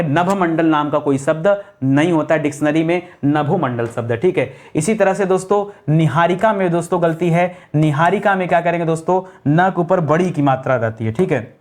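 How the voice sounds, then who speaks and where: A man teaching an exam-prep spelling lesson, repeatedly quizzing his students with questions. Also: a little high. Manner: repetitive quiz-style questions to students. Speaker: Hindi teacher.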